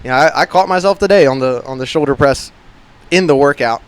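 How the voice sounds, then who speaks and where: A man talks through a laid-back podcast chat at a middle, ordinary pitch. He rambles and circles back, filling his sentences with "like" and "you know", and drops the odd blunt swear word. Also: fairly quick, smooth. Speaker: gym coach and podcast host.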